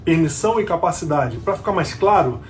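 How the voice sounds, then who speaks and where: A man's voice: on the high side, expressive, fairly quick. A man teaching an English lesson, patiently repeating key words and checking that the listener follows. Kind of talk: explanatory language lesson.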